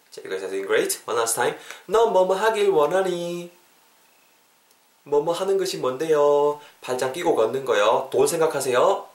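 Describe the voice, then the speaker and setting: A man hosting a podcast English lesson. He jokes playfully, switches between Korean and English, and drills pronunciation by slowly repeating short phrases. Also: fairly high pitch. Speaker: English teacher and podcast host. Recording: echoey room, distant mic.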